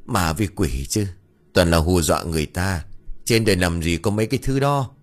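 A man playing a kindly, stubborn village man near fifty who coaxes a child gently and bickers with his wife. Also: low voice, expressive, a little fast. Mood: coaxing.

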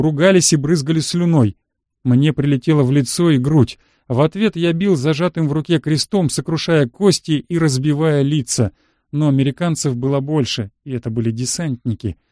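A man's voice: fairly high pitch, dark tone, dry recording, studio quality. A man reading a first-person action story aloud in a terse, matter-of-fact manner. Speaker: audiobook narrator. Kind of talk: scripted first-person narration.

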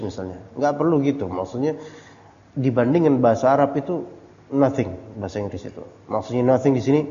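A man's voice: medium pitch, warm tone. A male religious teacher giving a casual, digressive study lecture to a live audience, mixing Arabic terms and English words into his talk and questioning listeners. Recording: echoey hall, dull lo-fi audio.

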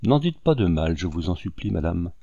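A man reading the lines of a gentle, kindly young married woman in an audiobook, speaking softly and coaxingly. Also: on the low side, lively intonation, moderate pace, no echo, highs cut off. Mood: tender. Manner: soft, coaxing delivery.

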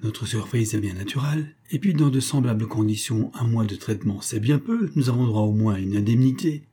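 A man's voice: medium pitch, a little fast, dark tone, slightly rough, close to an everyday voice. A man voicing an anxious, greedy male hypnotist who stammers and complains. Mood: anxious, aggrieved.

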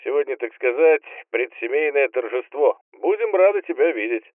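A man's voice: medium pitch, lively intonation, moderate pace, no echo, voice pushed up, lightly acted. A man reading an audiobook, voicing a cheerful, easygoing young man who jokes on the phone. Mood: breezy. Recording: tinny phone-line filter.

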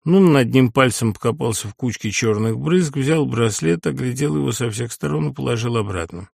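A male audiobook narrator reads in a measured, literary way. His voice sits at an ordinary middle pitch. It is recorded close and dry, with no room around it. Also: expressive, vocal fry, darkish tone, breathy edge, no echo. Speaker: audiobook reader.

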